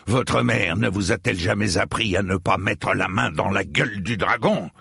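A man's voice: lowish voice, moderate pace, creaky, bright, forceful tone, breathy edge, dry recording, studio quality, full character voice. A man voicing a stern, proud lord in a storybook reading, talking in a cold, clipped and threatening way. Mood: menacing.

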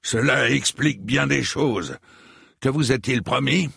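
A man's voice: mid-range voice, unhurried, gravelly, fairly bright tone, breathy edge, no echo, studio quality, pitched above the performer's own voice, exaggerated voice. A man voicing a stern, proud lord in a storybook reading, talking in a cold, clipped and threatening way. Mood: menacing.

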